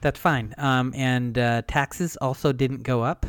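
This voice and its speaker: Man, podcast co-host, smooth resonant voice, dry close sound, jokey news reader. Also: medium pitch, fairly even intonation, slow, no room sound. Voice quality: smooth, soothing newscaster-like delivery. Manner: chatty, jokey, laughs often. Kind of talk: casual chat, reading news aloud.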